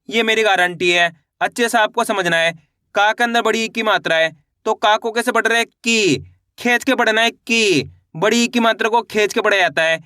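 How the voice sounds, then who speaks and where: A man's voice: high voice, sharp tone, clear, resonant tone, no room sound, clean studio sound. A young man teaching an online Hindi reading lesson, asking questions and answering them himself, stretching out the vowels.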